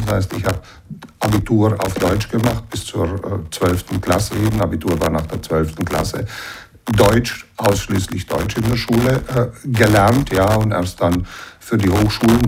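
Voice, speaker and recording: A middle-aged interview guest from the Banat region of western Romania gives reflective answers in a fairly low voice, explaining patiently and in a measured way. Frequent ums and ers run through his speech, and a steady hiss of noise sits beneath the recording.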